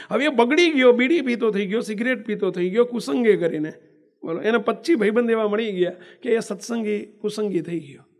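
A man's voice: high voice, vocal fry, a little mellow. A monk giving a devotional discourse, often asking his listeners questions and using everyday examples. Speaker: monk preacher.

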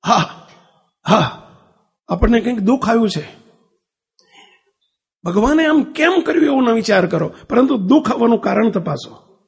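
A man's voice: extremely high pitch, animated, moderate pace, vocal fry, long pauses, slightly rough, in a large hall. A man giving a sermon, telling a family story and putting questions to the listeners. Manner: acts out family dialogue, asks audience questions. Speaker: religious speaker.

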